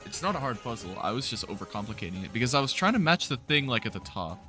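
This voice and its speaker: A young man giving casual, animated let's-play commentary, laughing and swearing often while playing. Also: medium pitch, quick pace, music in the background. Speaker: gaming YouTuber. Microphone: new studio mic.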